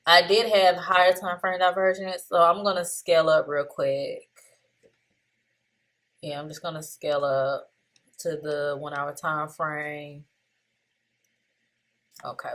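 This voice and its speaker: A young woman walks through her trades in a relaxed screen-share recap. She talks loosely and chattily into a desktop mic and laughs at her own slips. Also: deep voice.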